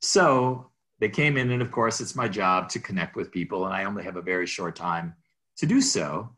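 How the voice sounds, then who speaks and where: A man who works as a real estate agent, telling rambling, animated stories about his career in an interview. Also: low voice, a little fast. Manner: rambling, restarts, animated anecdotes. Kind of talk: storytelling in an interview.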